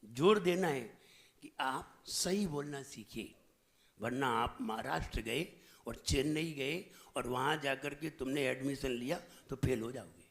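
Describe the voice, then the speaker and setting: A man teaching an audience in a sermon style, quizzing them, making them repeat, and swinging between loud emphatic lines and soft asides. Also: medium pitch. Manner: asks the audience questions and makes them repeat; drawls single words slowly to show the right pronunciation. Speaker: Jain monk teaching a training camp.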